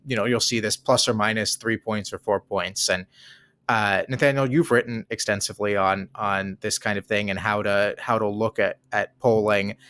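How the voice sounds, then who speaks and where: A man's voice: fairly low pitch, fairly even intonation, moderate pace, fairly bright tone, smooth, no echo. A man hosting a political podcast, talking conversationally, thinking aloud and repeating words as he asks questions. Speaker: podcast host.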